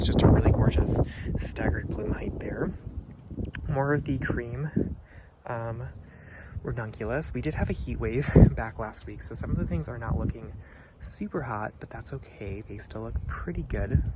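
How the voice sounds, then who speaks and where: A man giving a casual, enthusiastic tour of a client's garden, gushing over the plants with lots of ums. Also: medium pitch. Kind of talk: casual walkthrough vlog. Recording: loud wind and traffic noise outdoors.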